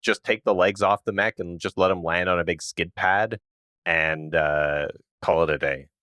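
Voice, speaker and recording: A man's voice: low voice, normal speed, bright, forceful tone, no echo, studio quality. A man co-hosting a podcast in casual chat, laid-back and musing, often breaking into laughs. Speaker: podcast co-host.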